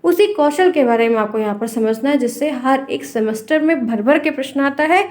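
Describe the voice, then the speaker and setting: A woman's voice: high-pitched, brisk, darkish tone. A woman teacher giving an exam-prep lecture, explaining with everyday examples and checking in with her students often.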